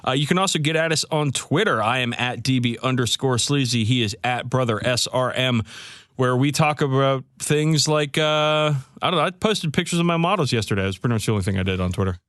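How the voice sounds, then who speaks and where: A man co-hosting a casual podcast, wry and quick, often laughing. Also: medium pitch, fairly bright tone, no room sound, studio quality. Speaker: podcast co-host.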